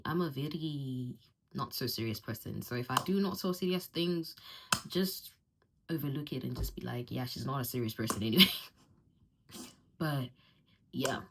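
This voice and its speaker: A woman's voice: rumbling low, fairly bright tone, slight background noise. A woman in her twenties from Zimbabwe, raised in Africa, chatting casually and rambling with lots of fillers in a self-introduction vlog. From Zimbabwe, raised in South Africa. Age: 20s. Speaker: vlogger.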